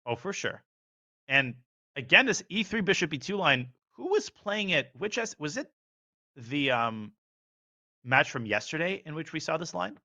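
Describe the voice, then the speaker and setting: A man calling live chess with a bright, forceful tone and a voice that swings up and down a lot. He sits a little high in pitch and reels off move after move as he analyzes. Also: sing-song. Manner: analytical, calls moves rapidly. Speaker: chess commentator.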